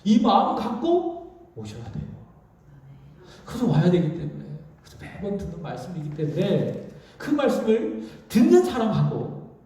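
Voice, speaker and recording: A man preaching a Friday prayer-meeting sermon, asking the congregation questions and having them repeat phrases back. He swings between loud peaks and soft asides. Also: sits high, huge pitch swings, normal speed, distant mic, a little hiss or hum. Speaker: pastor. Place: large church sanctuary. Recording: very echoey room, voice from afar.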